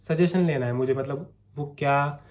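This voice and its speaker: A man's voice: on the high side, moderate pace, darkish tone. A young man with a sore, coughing throat, chatting to camera in a casual vlog and coaxing his viewers. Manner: chatty, coaxing, keeps saying "theek hai". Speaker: vlogger.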